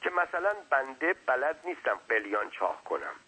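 A man's voice: medium pitch, sing-song, sharp tone, slightly rough, voice pushed up, heavily acted, rough recording. A man voicing a small, talkative non-human servant who speaks deferentially and lectures at length. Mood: lecturing.

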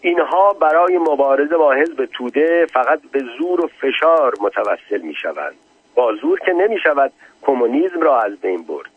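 A man reading the lines of a decisive, commanding middle-aged army general in a curt manner, with a husky voice on a tinny recording. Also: a little high, very animated.

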